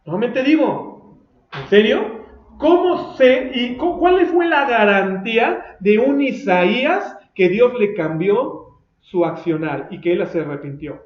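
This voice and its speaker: A pastor with a Mexican accent preaching a fiery, confrontational sermon with mocking asides, recorded for video. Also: male voice, very high-pitched, lively intonation, slow pace. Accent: Mexican Spanish. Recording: roomy echo, dull lo-fi sound.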